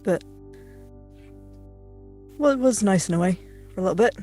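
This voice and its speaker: A woman playing a tabletop role-playing game, talking in a hesitant, halting way full of fillers. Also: medium pitch, animated, warm tone, soft background music. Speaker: player.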